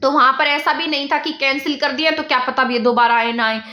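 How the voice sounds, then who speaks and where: A woman's voice: sits high, fairly even intonation, brisk, pushed and bright, roomy sound. A young woman from India, teaching an exam-prep lesson and drilling points by asking and answering her own questions.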